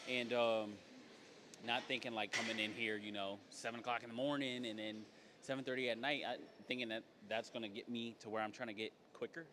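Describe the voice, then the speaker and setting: Bright-voiced male trainer explaining in a gym. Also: medium pitch. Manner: explanatory, keeps tagging "right?". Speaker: personal trainer. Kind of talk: casual coaching explanation. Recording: faint background music.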